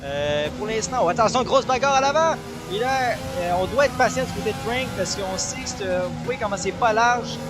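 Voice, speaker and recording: A man with a Quebec French accent doing excited, exclamatory live play-by-play as a motorsport commentator. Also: sits high, a little fast, music in the background. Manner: exclamatory, urgent, repeats names and phrases.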